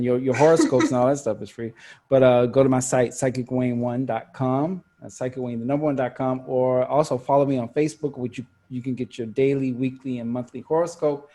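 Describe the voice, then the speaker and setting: A man's voice: medium pitch, mellow. A man hosting a talk radio show, chatting casually with guests, laughing often and repeating words.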